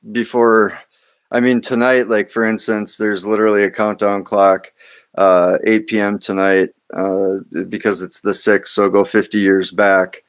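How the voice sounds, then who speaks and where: A man's voice: on the low side, no echo, muffled recording. A man speaking as a guest in a live audio chat, earnest and rambling with many fillers. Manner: earnest, rambling, lots of uhs. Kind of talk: casual chat.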